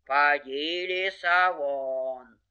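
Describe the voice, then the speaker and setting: A big, lumbering storybook bear rumbles slowly and gruffly, as a woman storyteller puts him on. His voice is pitched well below hers, deliberate and heavy. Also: sharp tone, muffled recording, full character voice. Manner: low, slow, rumbling.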